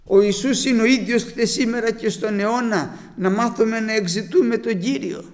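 A man's voice: high-pitched, gravelly, long reverb tail. A man preaching a sermon, quoting scripture emphatically and firing off rhetorical questions.

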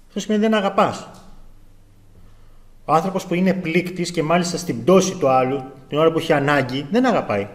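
A man in his thirties preaching a sermon, acting out quoted speech with a raised voice. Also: a little high.

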